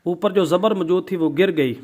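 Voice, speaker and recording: A man's voice: high voice, darkish tone. A man with a Pakistani Urdu accent teaching Quran recitation rules, explaining patiently step by step and drawing out vowels to demonstrate. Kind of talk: tajweed lesson.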